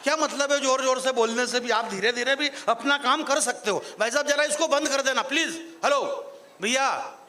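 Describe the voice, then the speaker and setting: High, bright-voiced male comic poet. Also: a little fast, hardly any pauses. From Marwari region of Rajasthan. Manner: joking asides with the crowd, rising into declaiming verse. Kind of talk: stage comedy poetry recitation. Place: live stage event before an audience.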